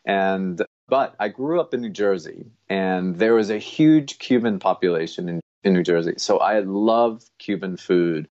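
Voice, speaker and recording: Deep-voiced man with dull lo-fi sound. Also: measured pace, few pauses, a little mellow. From Colombia. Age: 50s. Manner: laughs often, repeats words. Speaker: guest dietitian. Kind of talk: casual podcast chat.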